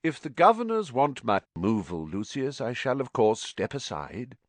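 A man voicing a calm, courteous but firm male headmaster in an audiobook, speaking slowly and clearly with quiet authority. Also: medium pitch, no room sound, voice pushed up. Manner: slow, clear, measured speech. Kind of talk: audiobook character acting.

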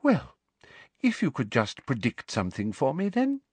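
A man voicing a prim, sweetly menacing female school inspector who speaks softly and coldly. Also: medium pitch, huge pitch swings, normal speed, breathy edge, dry recording, voice pushed up. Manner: soft, sugary, coldly polite.

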